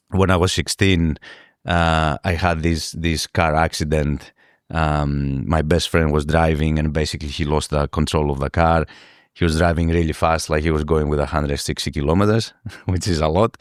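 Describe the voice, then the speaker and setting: A man from Greece, a podcast guest speaking earnestly in a halting way, often repeating words as he searches for them. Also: extremely low pitch, no room sound, studio quality. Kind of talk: podcast interview.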